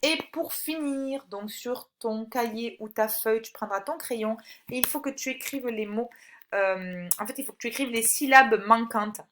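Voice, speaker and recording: A woman teaching a recorded phonics lesson to young children, patient and encouraging, pronouncing each word slowly and clearly. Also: fairly high pitch, a bit bright, a little hiss or hum. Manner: slow, clearly articulated word-by-word dictation. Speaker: primary school teacher.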